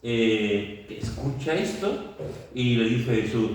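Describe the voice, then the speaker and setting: A man's voice: medium pitch, sing-song, slow pace. A man leading a Bible study, telling the story vividly with many fillers and restarts. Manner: vivid storytelling, acting out scenes with shouts and sound words. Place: church meeting room. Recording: very echoey room, mic far off.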